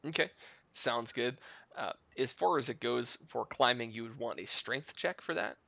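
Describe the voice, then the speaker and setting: A man's voice: mid-range voice, lively intonation, moderate pace, vocal fry, sharp tone, no room sound. A man narrating as game master in a tabletop game, with vivid descriptive storytelling over slightly dull voice-chat audio.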